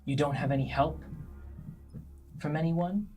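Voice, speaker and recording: Tabletop game creature, acted by a man: eerie, deliberate, quietly menacing questioner with unhurried delivery. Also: on the high side, soft background music. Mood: calm menace.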